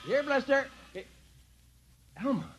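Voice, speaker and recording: A man's voice: very high voice, lively intonation, measured pace, a bit bright, exaggerated voice. An actor playing a breezy Air Force officer and father in 1950s radio acting, offhand in manner. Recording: dull 1950s radio recording.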